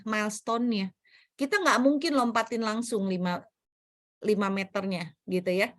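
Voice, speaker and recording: A woman with a fairly high voice answers audience questions in an online session. She explains self-development ideas in a relaxed, chatty way and drops English terms into her talk. Her voice comes through a video call with a dry, close sound. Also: no room sound.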